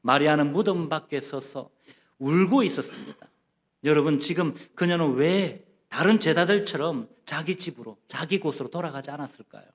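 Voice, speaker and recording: A middle-aged Korean man preaching a sermon, emphatic, often putting questions to the congregation and acting out quoted voices. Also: on the high side. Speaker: pastor.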